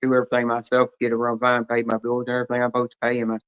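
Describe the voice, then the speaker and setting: A man's voice: mid-range voice, monotone, racing, clean tone. Rambling man on a stream. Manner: rambling, chatty storytelling. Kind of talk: casual chat. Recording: dull lo-fi stream audio.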